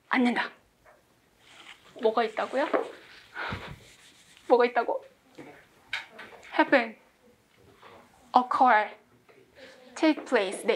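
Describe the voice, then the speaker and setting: High-voiced woman teaching English. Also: slight background noise. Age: 40s. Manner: lively, quizzes the class and jokes. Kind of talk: classroom lecture.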